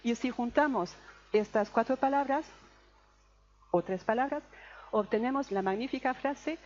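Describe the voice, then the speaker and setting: A woman teaches a live audience, walking them through each point and pausing to check they follow. Her voice sits a little high. The recording is dull and lo-fi. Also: darkish tone. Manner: explains step by step, checking with the room. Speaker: French teacher. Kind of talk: lively classroom talk to an audience. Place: lecture room with audience.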